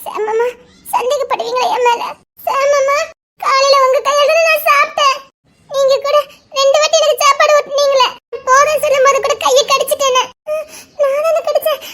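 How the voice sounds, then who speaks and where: Frightened young woman for an audio drama a woman acts her: very high, bright, shaky and tearful. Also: little pitch movement, moderate pace. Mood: tearful, scared. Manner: tearful, shaky, laughing through sobs. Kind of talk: Tamil serial-style audio drama.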